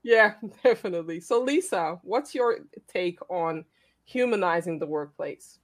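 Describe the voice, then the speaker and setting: A woman's voice: fairly low pitch, animated, measured pace. A woman hosting an online panel discussion in a chatty, enthusiastic way. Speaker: host. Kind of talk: casual online panel chat.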